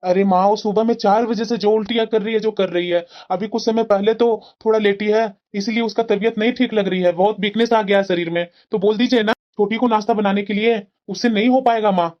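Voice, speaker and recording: A woman voicing an earnest young son who pleads and reasons with his mother in an animated family drama. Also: medium pitch, fairly quick, hardly any pauses, muffled recording, lightly acted. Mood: pleading. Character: earnest young married son defending his sister-in-law.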